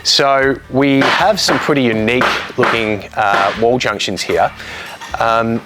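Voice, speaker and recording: Australian show host, mid-pitched man. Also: takes it slowly, loud music behind the voice, rough recording. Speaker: co-host and interviewer on a home-building show. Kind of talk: presenter-style walkthrough with casual questions.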